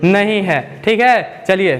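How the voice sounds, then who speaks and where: Guy teacher with a high voice, drags out sounds, keeps asking the class questions. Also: a little hiss or hum. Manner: repetitive, drawn-out sounds, asks rhetorical questions. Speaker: English teacher. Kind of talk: classroom lesson explanation.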